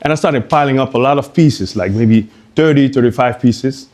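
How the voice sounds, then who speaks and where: A guest speaker from Curaçao gives a casual live talk at an art exhibition. His voice sits in the mid range and is slightly mellow, and his delivery is halting and chatty, with frequent sentence restarts.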